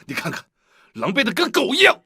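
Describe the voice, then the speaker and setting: A man's voice: on the low side, animated, moderate pace, fairly bright tone. An actor playing a scheming, ambitious man who snaps in anger and then mutters in cold whispers. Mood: angry. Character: scheming ambitious male schemer, middle-aged.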